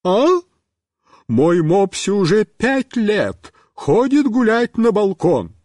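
A man putting on a shrill, indignant busybody neighbor lady. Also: big pitch swings, takes it slowly, darkish tone, no room sound, studio quality, heavily acted. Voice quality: shrill, squealing. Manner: indignant, huffing, boiling over. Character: shrill fussy middle-aged woman neighbor, indignant busybody.

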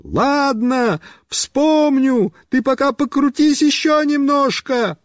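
Man putting on a yelling young boy, high strained voice, storybook reading, dry close sound. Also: slow, dry recording. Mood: shouting excitedly. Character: excitable young boy yelling back at a friend.

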